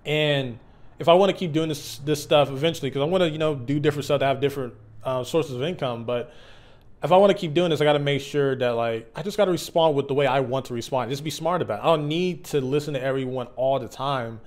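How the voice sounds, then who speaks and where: A man in his mid twenties talking candidly and off the cuff as a video creator, earnest and reflective, halting and conversational with slang. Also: mid-range voice. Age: mid 20s. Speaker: YouTube content creator. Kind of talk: candid, unscripted personal vlog.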